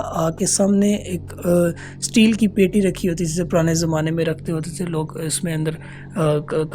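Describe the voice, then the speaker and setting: Mellow-voiced man recounting a haunting. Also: on the high side, slight background noise. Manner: earnest, unhurried, hesitant with many pauses. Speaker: listener telling a ghost story. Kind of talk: casual spoken recounting of a true horror experience. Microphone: phone voice note.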